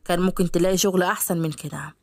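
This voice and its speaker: A woman voicing a kind, quiet-loving young man from a rich family in an Egyptian-accented audio story, speaking in a calm, reasoning tone. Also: fairly low pitch, very fast, vocal fry.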